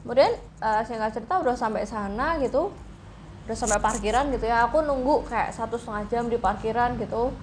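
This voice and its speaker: Woman, somewhat high pitch, casual explanatory chat, informal, English phrases mixed in, background noise. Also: fairly quick. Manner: informal, mixes English phrases into her talk. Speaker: host explaining psychology with personal stories.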